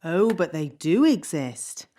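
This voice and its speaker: A woman voicing a bossy, scatterbrained fairy nanny in a children's cartoon, brisk and matter-of-fact. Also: lowish voice, big pitch swings, warm tone, full character voice. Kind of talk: animated children's cartoon voice acting.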